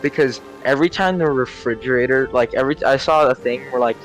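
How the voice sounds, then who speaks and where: A young storyteller on a gaming channel chats casually, rambling through his stories, groping for words and swearing freely. His mid-range voice goes fast, and the rough recording carries faint background music plus clear vehicle-like noise.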